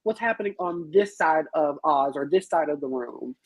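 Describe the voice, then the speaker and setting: Over muffled, lo-fi online call audio, a panelist on a podcast chats about a movie with lively explanations, acted-out reactions and some casual cursing. The voice sits at medium pitch with a moderate pace and a slightly rough edge, and there's no echo.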